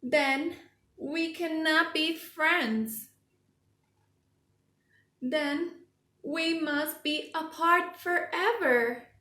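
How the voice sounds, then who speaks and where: A woman voicing a worried young male elephant who keeps sneezing and talks in anxious, halting bursts. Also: high voice, pushed and bright, echoey room, voice pushed up, heavily acted. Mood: worried, sneezy.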